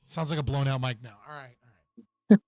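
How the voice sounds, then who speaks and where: A man's voice: medium pitch, normal speed, mellow, no room sound. A man hosting a casual livestream chat, talking through a distorted, clipping mic. He rambles, exasperated about his audio setup. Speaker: livestream host. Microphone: desk mic through audio interface.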